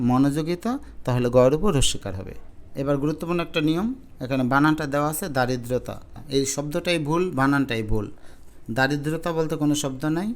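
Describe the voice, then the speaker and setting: A man teaching a spelling lesson to exam students, explaining slowly and repeating each spelling step. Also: fairly high pitch.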